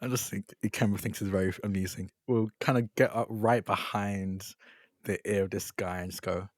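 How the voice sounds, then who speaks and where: A man's voice: fairly low pitch, fairly even intonation, moderate pace, no room sound, studio quality. A man playing a tabletop game, playful and mischievous in casual talk. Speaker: player. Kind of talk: casual in-character play.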